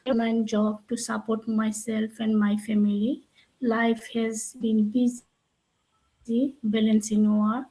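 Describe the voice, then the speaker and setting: A woman from Bangladesh introducing herself in a slow, halting way on an online panel. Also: on the high side, dark tone, poor audio. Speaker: panel guest. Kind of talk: online group discussion.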